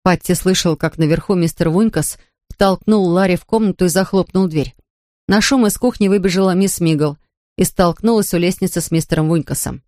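A woman narrating a children's storybook aloud in an expressive reading voice. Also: lowish voice, fairly quick, no room sound, clean studio sound. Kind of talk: audiobook narration.

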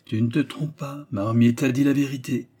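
A man's voice: mid-range voice, fairly even intonation, normal speed, dark tone, natural voice. A man reading a dying old tragedian, fervent. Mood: rueful. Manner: emphatic, pleading, grandiose. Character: dying old male tragic actor, fervent and proud.

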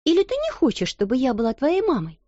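A woman voicing a kind but firm schoolgirl, gentle yet stern. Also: high voice, huge pitch swings, fast, dry recording, highs cut off, pitched above the performer's own voice, exaggerated voice. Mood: coaxing.

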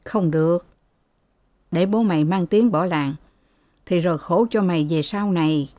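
A woman's voice: on the low side, measured pace, dark tone, no room sound, lightly acted. A woman voicing a poor, heartbroken older mother who pleads through tears, in an audiobook reading. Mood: firm. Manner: pleading and tearful.

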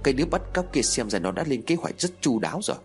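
Weary older matriarch, low and tired, voiced by a male narrator. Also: very animated, fast, soft background music, close to an everyday voice. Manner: tired, lowered voice. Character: weary, apologetic older mother-in-law.

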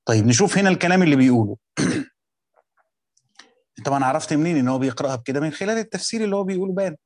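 A man with an Egyptian accent teaching a class on Quranic commentary. He explains step by step, repeats words and reads quoted text slowly. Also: on the high side, animated, a little mellow, no echo, clean studio sound. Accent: Egyptian Arabic. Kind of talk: classroom lecture with text reading.

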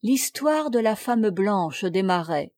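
A woman voicing a clever, respectful young serving boy who speaks softly and humbly in a read-aloud story. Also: mid-range voice, sing-song, slow pace, no room sound, studio quality. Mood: deferential.

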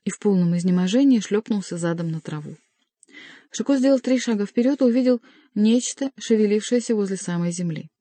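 A woman reading a novel aloud as narrator, in an even, measured storytelling manner. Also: medium pitch, no room sound. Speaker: audiobook reader. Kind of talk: scripted narration.

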